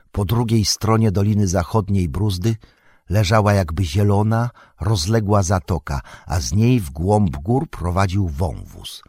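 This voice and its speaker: A man narrating an epic fantasy audiobook in a measured storytelling manner. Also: low voice, a little mellow, breathy edge, no echo, clean studio sound. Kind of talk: scripted narration.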